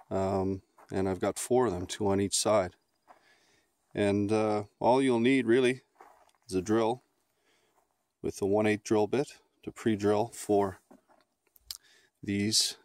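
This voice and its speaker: A middle-aged man giving a halting, plain-spoken how-to walkthrough outdoors, with frequent ums and restarts. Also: fairly low pitch, a little mellow, dry recording, clean studio sound. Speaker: outdoor vlogger. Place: outdoors on a grassy lawn beside a canoe.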